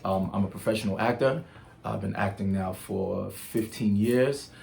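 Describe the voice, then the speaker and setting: Speaking at normal speed in a lowish, gravelly, slightly mellow voice, this Nigerian channel host chats his way through stories in a casual vlog. He fills the talk with ums and often restarts his sentences.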